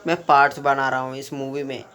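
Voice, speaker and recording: A man narrates a homemade story in a casual, unscripted way, pausing often and correcting himself mid-word. His voice sits at an ordinary middle pitch but barely moves, staying flat and even throughout. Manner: halting, with frequent restarts and self-corrections. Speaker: fan storyteller recapping his own story. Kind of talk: casual spoken story retelling.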